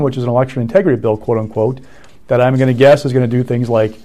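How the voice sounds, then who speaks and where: Mellow-voiced man, political reporter. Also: medium pitch. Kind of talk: political analysis on a talk show.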